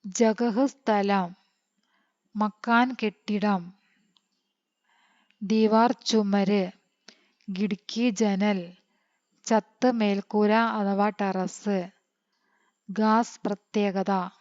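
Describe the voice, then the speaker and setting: Slow-reading female teacher, dull lo-fi sound. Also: medium pitch, steady tone, a little mellow, dry recording. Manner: reads Hindi slowly, then glosses word by word quickly. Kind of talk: online Hindi lesson explained in Malayalam.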